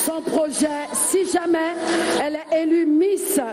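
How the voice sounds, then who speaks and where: A woman's voice: extremely high pitch, flat delivery. A woman presenting a beauty pageant live, calling out candidates' names and numbers. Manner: slow, announcing, calls out names. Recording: echoey hall with loud music.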